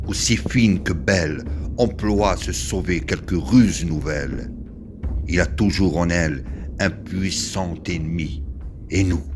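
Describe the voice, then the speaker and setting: Guy playing a proud old-theatre king, grand tragic stage delivery, really deep and slow, solemn verse, music behind. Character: proud victorious king and war leader, grave and lofty. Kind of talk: classical French verse tragedy, grand tragic stage declamation.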